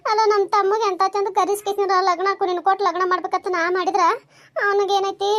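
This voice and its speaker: Woman doing a fretful cartoon village mother, North Karnataka Kannada accent, very high squeaky voice, scolding and lamenting. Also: little pitch movement, fairly bright tone. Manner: scolding, lamenting, talks fast. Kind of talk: cartoon dialogue voicing.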